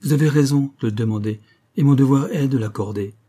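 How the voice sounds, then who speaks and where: A man voicing a calm, self-sacrificing young woman, in a measured, earnest way. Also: medium pitch, husky, voice pushed up, lightly acted.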